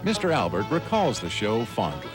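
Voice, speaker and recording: A male narrator reads a scripted documentary voice-over with a lively, rising and falling pitch. Music plays clearly underneath him. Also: normal speed.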